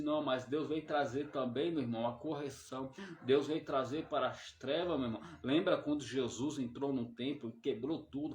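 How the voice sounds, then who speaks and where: An evangelist with a Brazilian Portuguese accent and a mid-range voice delivers a fiery sermon in a roomy, echoey space. He speaks emphatically, rising loud on key words and dropping soft on the little "my brother" tags.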